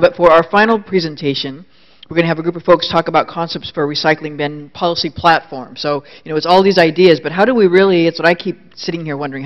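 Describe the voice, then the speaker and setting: A man acting as emcee and introducing speakers at a conference, informal and halting. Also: on the high side. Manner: informal, halting, restarts phrases. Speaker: event emcee. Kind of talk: event introductions. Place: conference room with audience. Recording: dull lo-fi event audio.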